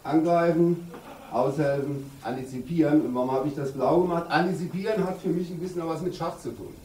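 A man in his fifties, a handball coach giving an emphatic, deliberate pre-game team talk with pauses for effect in a locker room. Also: fairly high pitch, dark tone. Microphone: camera a few metres away. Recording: roomy, distant camera mic, background noise.

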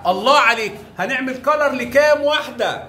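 High-voiced Egyptian man teaching small children. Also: brisk, bright, forceful tone. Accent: Egyptian Arabic. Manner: coaxing, showers children with praise and pet names. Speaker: primary school math teacher. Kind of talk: classroom teaching with young children. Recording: echoey room, faint background noise.

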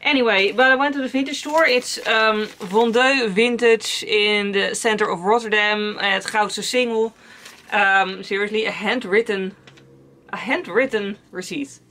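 A young woman vlogger rambles casually about her clothes in a cluttered attic room at home, using lots of fillers and repeating words. Her voice is medium-pitched, bright and pushed, and she speaks a little slowly in this haul-style chat.

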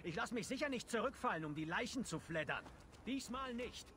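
Vengeful young Viking warrior. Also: male voice, high voice, expressive, brisk, noisy background. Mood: eager. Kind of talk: German game dub.

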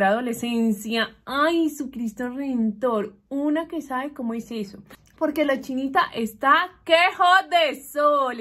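Chatty woman recapping a show. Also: on the high side. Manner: chatty, gossipy, keeps saying "mi amor". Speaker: vlogger. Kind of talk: casual TV recap while doing makeup.

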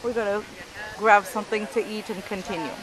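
A woman's voice: medium pitch, fairly even intonation, a little fast, a crowd in the background, rough recording. A woman giving casual, unscripted travel narration with some hesitation, speaking from behind a handheld camera outdoors. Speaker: travel vlogger. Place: outdoors in a busy city piazza. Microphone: handheld camera, operator behind it. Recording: faint outdoor street noise.

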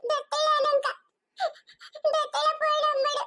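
A woman's voice: completely flat delivery, normal speed, fairly bright tone. A woman voicing a frightened little lost girl who cries and pleads in an amateur family skit. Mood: crying, pleading. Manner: crying, pleading, shrill.

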